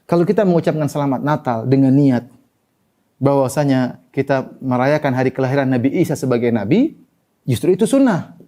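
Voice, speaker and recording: A man's voice: medium pitch, mellow. A male preacher giving a lecture-style sermon, asking rhetorical questions and mixing in casual everyday phrasing. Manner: rhetorical questions, plain colloquial asides.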